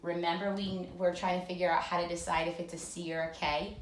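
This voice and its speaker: A woman teaching a recorded phonics lesson for children, leading clear, sing-song drills that she has the listener echo. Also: on the low side, level tone, fairly quick, slight background noise. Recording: echoey room.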